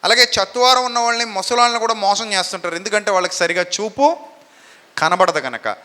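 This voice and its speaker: A male pastor preaching a sermon, animated and constantly questioning his congregation so they call answers back. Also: high voice, a little fast. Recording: long hall reverb.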